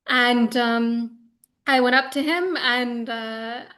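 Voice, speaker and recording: A woman's voice: a little high, slow pace, a bit bright. A woman in her thirties giving a personal spiritual testimony as an interview guest, telling her story in an earnest, chatty way with plenty of fillers and restarts. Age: 30s.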